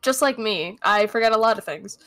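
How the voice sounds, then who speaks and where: A woman's voice: mid-range voice, brisk, fairly bright tone. Offhand, sweary young woman guest. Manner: offhand, sweary, trailing fillers. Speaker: guest co-host. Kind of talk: casual commentary chat while watching a show.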